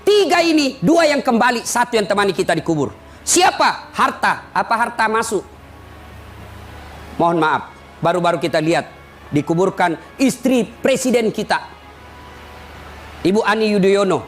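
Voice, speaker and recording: A man giving a humorous sermon, telling jokes and stories in an animated way. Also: sits high, moderate pace, pauses often, slight background noise. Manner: animated, joking storyteller. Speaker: preacher.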